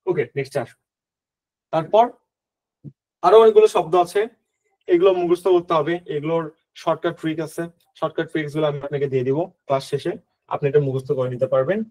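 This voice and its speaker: Young guy teaching a prep class, kinda high voice, keeps asking the students questions. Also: quick pace, long pauses. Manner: lively, questioning students, switching between tumi and apni, mixing in English words. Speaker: admission coaching teacher. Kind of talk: recorded online lesson.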